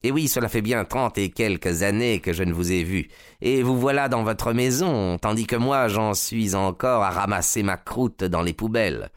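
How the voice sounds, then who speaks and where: A man voicing a shabby, sinister old male sailor in an audiobook, speaking lower and slower in an insinuating way. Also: no echo, studio quality, lightly acted. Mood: sly, insinuating.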